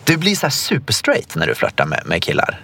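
Animated man teasing on a podcast. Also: mid-range voice, creaky, slight background noise. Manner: animated storyteller, playful teasing. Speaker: podcast co-host. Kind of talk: casual podcast chat.

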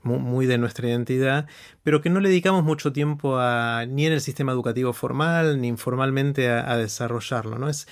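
A man interviewing in a conversational way, reflective and halting, restarting his phrases as he builds a thought. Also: medium pitch.

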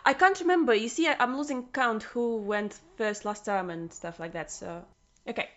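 A woman's voice: a little high, normal speed, fairly bright tone. A woman co-hosting a casual podcast, playfully reading out quiz items to her co-hosts. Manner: playful, giggly, reads quiz items aloud. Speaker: podcast co-host running a quiz segment. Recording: dull lo-fi sound.

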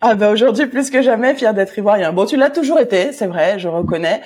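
A woman from Paris hosts a casual podcast interview. Her voice is soft and a little breathy, pitched in the middle of the range. She puts her questions in a friendly way and likes to tease her guest. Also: animated, brisk. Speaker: podcast host.

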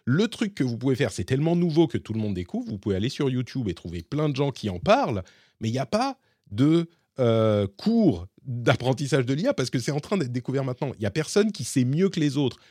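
A man's voice: medium pitch, big pitch swings, brisk, warm tone, dry recording, studio quality. A man with a slightly hybrid French accent co-hosting a casual tech podcast, explaining with many fillers and restarts. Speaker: podcast co-host.

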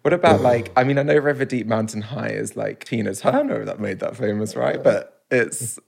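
A man's voice: mid-range voice, moderate pace, vocal fry. A man hosting a podcast interview, asking questions and joking with his guest. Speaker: host.

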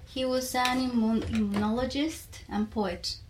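A Colombian woman, a native Spanish speaker and poet-teacher, is a podcast guest in a casual, reflective conversation. Her slightly high voice keeps a steady tone as she halts and searches for words in her second language. There is background noise.

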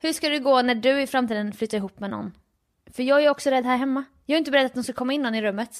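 High-voiced woman telling stories animatedly. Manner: animated storytelling, acts out little dialogues with laughs. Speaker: podcast co-host. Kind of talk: casual chat.

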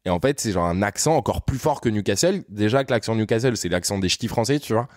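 A French man in his thirties with a very low voice recounts his youth as a podcast guest. His delivery is loose and slangy, full of little asides to the listener. The sound is dry and close-miked. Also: animated, quick pace, dry recording. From France. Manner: rambling, slangy, frequent "tu vois" asides. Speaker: podcast guest, content creator. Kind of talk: casual storytelling conversation.

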